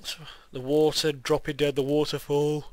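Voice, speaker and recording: A man's voice: a little high, flat delivery, moderate pace, no echo. A young man with a lisp and whistling s sounds, giving casual, rambling, self-deprecating game commentary. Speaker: gaming video maker.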